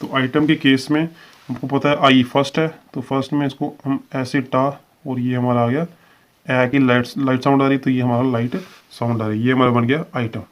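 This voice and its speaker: The speaker is a man with a mid-range voice and level tone, moving at a moderate pace through a step-by-step shorthand video lesson. Each example gets a patient explanation, his phrases get repeated, and the example words are drawn out. The recording is dull and lo-fi.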